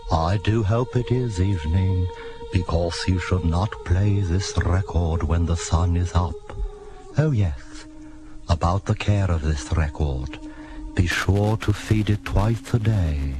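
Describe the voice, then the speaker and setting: A man's voice: low-pitched, slow pace, music in the background. A man playing a ghoulish, cheerfully creepy monster-maker host in a mock-genteel, theatrical manner on a 1960s comedy record. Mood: creepy welcome. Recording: noisy old 1960s record.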